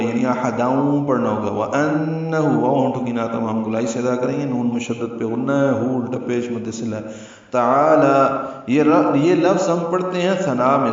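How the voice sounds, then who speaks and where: Man, recitation teacher, explains rules step by step, very echoey distant recording. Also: medium pitch. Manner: explains rules step by step, then chants verses slowly. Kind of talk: tajweed lesson with recitation. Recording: echoey, distant, slightly dull sound.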